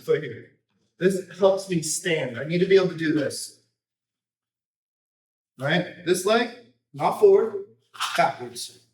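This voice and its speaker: High-voiced male coach in echoey room. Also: expressive, slow pace, pauses often, a little mellow. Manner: informal, choppy phrases with repeated tag "right?". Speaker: jiu-jitsu coach. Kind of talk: hands-on technique demonstration, casual explaining. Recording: roomy echo, distant microphone.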